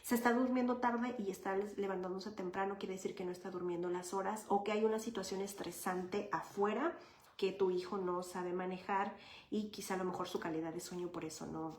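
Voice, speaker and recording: A woman's voice: mid-range voice, steady tone, fairly quick, a little mellow. A woman with a mid-range voice answers viewers' questions in a live session. She explains child development patiently, in a chatty way full of fillers. The room gives her voice a roomy echo. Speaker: child psychologist.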